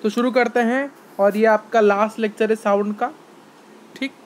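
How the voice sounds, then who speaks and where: A man's voice: sits high, steady tone, normal speed, a little hiss or hum. A man giving an online science lecture to students, repeating points, asking them questions, and mixing in English phrases. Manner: repetitive explanations, asks questions to students; mixes Hindi with English phrases. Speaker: science teacher.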